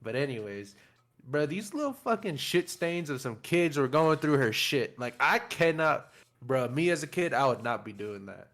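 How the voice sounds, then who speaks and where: A man's voice: mid-range voice, moderate pace. Profane laughing man reviewing a movie. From Mexican-American family. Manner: profane, laughs often, animated retellings. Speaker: podcast co-host. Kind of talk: casual movie review chat.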